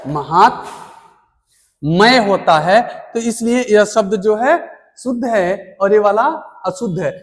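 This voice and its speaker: A man teaching a spelling lesson at a board, speaking deliberately and repeating words for emphasis. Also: high-pitched. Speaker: Hindi teacher. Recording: long room reverb.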